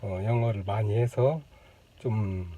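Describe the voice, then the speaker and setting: A man hosting his own channel, explaining a topic casually to the camera with many pauses and fillers, demonstrating sounds as he goes. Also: on the low side, dark tone. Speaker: channel host. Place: indoors on a lunch break. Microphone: camera mic.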